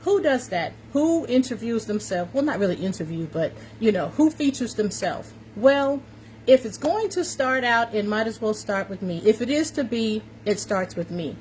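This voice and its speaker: A woman's voice: a little high, normal speed, low-quality recording. A woman of fifty-five with an American accent hosting a casual livestream, upbeat and emphatic, often repeating her phrases. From New York City, United States. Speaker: live stream host, confidence coach. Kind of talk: casual livestream chat to viewers. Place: warm room indoors. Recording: steady fan noise behind voice.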